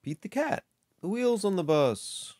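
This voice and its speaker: Slow sing-song read-aloud of a kids book, mellow voice, dry close sound. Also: mid-range voice, very animated, no room sound. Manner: sing-song, drawn-out line endings. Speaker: storybook reader.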